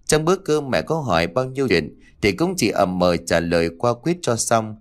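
A man narrating a spooky family story in an expressive, dramatic storytelling style. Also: on the low side, normal speed. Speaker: audiobook narrator.

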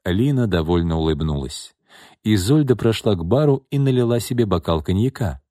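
A man narrating an audiobook with an expressive, varied delivery. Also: lowish voice, moderate pace, dry recording, clean studio sound.

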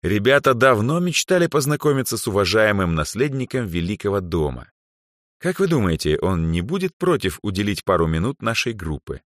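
A man's voice: on the low side, sing-song, brisk, fairly bright tone, no room sound, studio quality, pitched above the performer's own voice. A man doing a genial, polite older organizer. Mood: pleased. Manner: courteous, smooth, good-natured.

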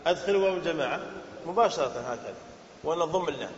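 A man's voice: fairly high pitch, animated, very fast, a little hiss or hum. A man teaching a grammar lesson, quizzing his class and repeating key words. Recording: dull echoey hall recording.

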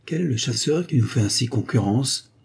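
A man voicing a jovial, excitable older baron out hunting, with loud hearty exclamations, in a storybook reading. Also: mid-range voice, moderate pace, gravelly, slightly rough, voice pushed up. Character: jovial hot-tempered older male baron hunter.

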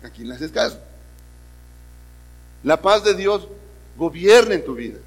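A man's voice: high-pitched, sing-song, measured pace. A man with a Mexican accent preaching a sermon to a congregation, asking them questions and acting out voices. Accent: Mexican Spanish. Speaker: pastor. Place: church service hall. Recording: long reverb of a hall.

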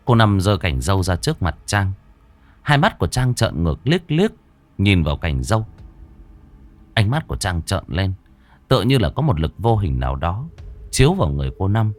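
A man narrating a horror story in a dramatic, expressive storytelling manner. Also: sits low, moderate pace, pauses often.

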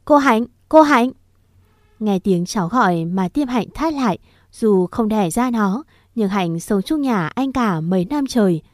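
A woman narrating a story in a steady, gentle reading voice. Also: medium pitch, unhurried, no echo, clean studio sound.

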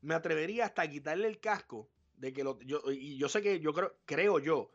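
A man co-hosting a live podcast, animated and profane, acting out his reactions. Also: fairly high pitch, moderate pace, muffled recording. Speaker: podcast co-host. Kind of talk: casual live podcast chat.

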